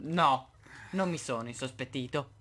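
A man giving excitable, joking commentary over a video game, reading subtitles aloud and exclaiming often. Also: mid-range voice, normal speed. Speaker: gameplay commentator. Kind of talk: casual let's-play commentary.

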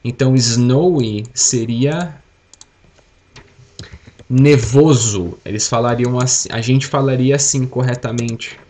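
A man's voice: mid-range voice, takes it slowly, mellow. A young Brazilian man with a Brazilian Portuguese accent, teaching an English lesson on a live stream and having the class repeat words after him. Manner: explains patiently, drills words and asks the class to repeat.

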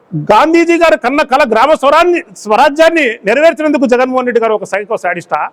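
A man, a local party in-charge, giving a political press statement full of repeated rhetorical questions. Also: very high voice.

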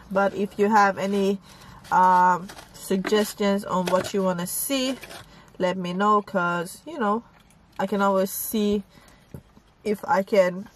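A woman's voice: mid-range voice, slight background noise. A woman hosting a mukbang food vlog, chatting casually with her audience while eating and sometimes stopping to search for a word. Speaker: mukbang channel host.

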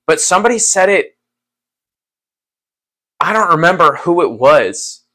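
A man hosting a casual livestream who rambles in a relaxed way, laughs often and talks to his chat. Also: sits high, measured pace. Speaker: livestream host.

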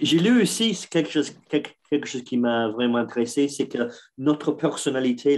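A man's voice: mid-range voice, a little mellow. A man with an English accent, a native English speaker, making a casual comment in French in a webinar and searching for his words. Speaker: participant.

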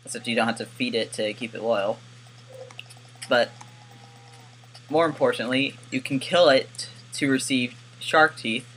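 A man's voice: mid-range voice, measured pace, long pauses, fairly bright tone, slight background noise. Wry rambling gamer guy. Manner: rambling, self-correcting, wry asides. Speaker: gaming YouTuber. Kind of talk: casual gameplay commentary.

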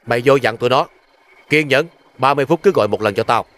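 An actor playing a scheming male gang boss who gives gruff, cool orders. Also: mid-range voice, fast talker, a bit bright, dry recording, lightly acted. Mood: brooding. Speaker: gang leader. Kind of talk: crime drama acting.

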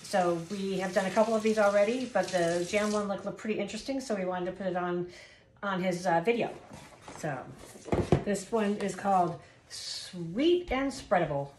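Off camera, a woman holds a phone and gently coaches a child through cooking at home, explaining each step patiently at a moderate pace in a mid-pitched voice. It's casual instructional commentary, and the indoor kitchen is echoey, with steady clatter clearly audible.

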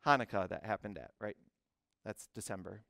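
A male pastor preaching a sermon, animated, often restarting words and phrases before driving a point home. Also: lowish voice, fairly quick, vocal fry, no echo. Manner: animated preaching with frequent repeated starts.

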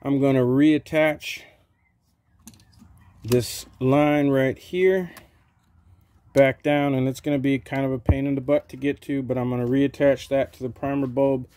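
A middle-aged man with a mellow, relaxed voice talks through a repair at his workshop bench. He explains each step plainly and practically, with a casual "okay" now and then. He sounds like he is recorded up close by the camera over the bench. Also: mid-range voice, measured pace. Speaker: small-engine repair host. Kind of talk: casual how-to narration while working. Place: home workshop bench, open to the outdoors.

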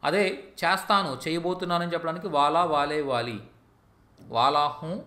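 Man with a Telugu accent, Hindi teacher, high voice, lively, example sentences slow and repeated, echoey room. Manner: repeats example sentences slowly, then explains quickly. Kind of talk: classroom language lesson.

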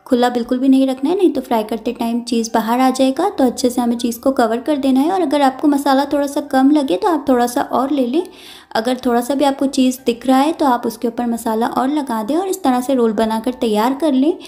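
In a high-pitched, brisk voice-over, the host of a cooking channel calmly instructs viewers through a recipe one step at a time, repeating and clarifying as she goes.

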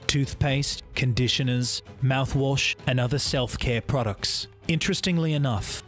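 Male narrator, scripted explainer, brisk even delivery, mid-pitched voice, faint music underneath. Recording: faint music bed behind voice.

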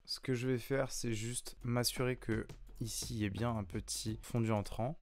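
A man's voice: medium pitch, normal speed. Young man casually explaining beatmaking. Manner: relaxed, slangy and matter-of-fact. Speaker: beatmaker and tutorial host. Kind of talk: casual screen-recorded music tutorial.

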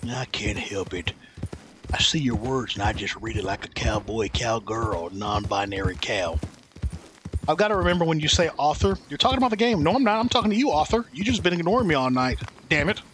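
A man's voice: medium pitch, big pitch swings, brisk, a bit bright, slight background noise. A Texan man chatting loosely and joking while streaming a game, reading viewers' chat aloud. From Texas.

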